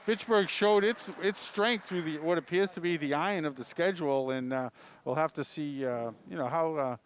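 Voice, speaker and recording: A man giving color commentary at a high school basketball game with a New England accent, rambling and full of "uh" fillers. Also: normal speed, slight background noise.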